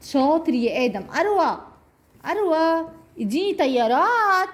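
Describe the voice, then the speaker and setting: A woman's voice: high voice, very animated. A woman with an Egyptian accent leading a children's speech lesson, praising often and drawing out key words as she repeats them. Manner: slow drawn-out repetition of target words. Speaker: speech therapist teaching young children. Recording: noisy room recording.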